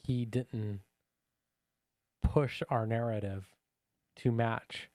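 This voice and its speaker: A man's voice: medium pitch, steady tone, extremely slow, a little mellow, dry recording. Man, podcast co-host, casual chat, earnest and argumentative, dry close mic. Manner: earnest, argumentative, restarts often.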